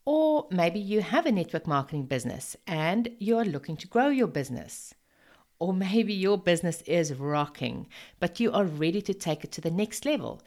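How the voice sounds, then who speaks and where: Podcast host: woman, about 50, Afrikaans South African accent, slightly low voice, earnest scripted monologue. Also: a little mellow. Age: around 50.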